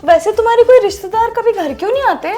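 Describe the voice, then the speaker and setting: Very high-pitched naggy young woman. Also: lively intonation, quick pace, over music. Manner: naggy, questioning. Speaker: comedy sketch actress playing wife. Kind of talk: scripted comedy sketch dialogue.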